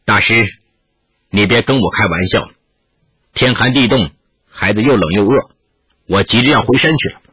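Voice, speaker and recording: A man voicing a calm, merciful older monk who speaks slowly and gently in a low voice, on a dull lo-fi recording. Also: breathy edge, no room sound. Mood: gentle. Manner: slow, gentle, low-pitched pleading.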